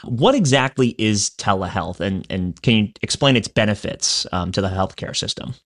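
A male radio host reading a smooth introduction and asking conversational questions. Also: fairly low pitch, normal speed, fairly bright tone, dry recording, clean studio sound. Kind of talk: scripted intro then interview questions.

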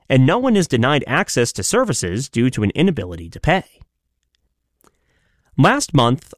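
Male host, mid pitch, animated intonation, dry studio sound; scripted intro, easy questions. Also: no echo. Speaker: radio host.

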